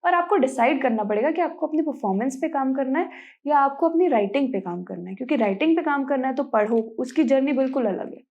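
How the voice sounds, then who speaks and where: High-voiced woman giving firm advice. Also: lively intonation, fast, highs cut off. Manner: firm, advising tone. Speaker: guest poet. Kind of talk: interview conversation.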